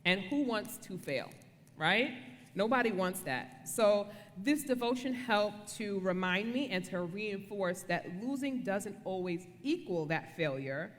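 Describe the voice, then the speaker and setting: A woman's voice: mid-range voice, lively intonation, measured pace. A woman giving a casual devotional talk on marriage as co-speaker, conversational and playful, often checking for agreement. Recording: reverberant room.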